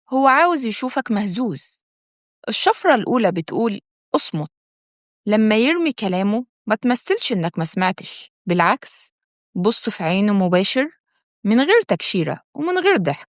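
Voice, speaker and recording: A woman with an Egyptian accent, reading a scripted self-help talk in a calm, measured way and speaking straight to the listener. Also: fairly high pitch, no echo, clean studio sound. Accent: Egyptian Arabic. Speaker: self-help channel host. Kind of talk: scripted motivational narration.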